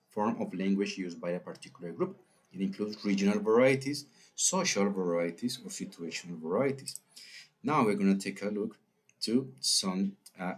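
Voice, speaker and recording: A man narrating a recorded lesson in a deliberate way, with fillers. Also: lowish voice. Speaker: teacher.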